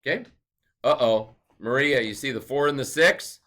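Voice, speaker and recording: A man's voice: medium pitch, moderate pace, fairly bright tone. A male teacher giving a recorded math lesson, explaining step by step and asking and answering his own questions.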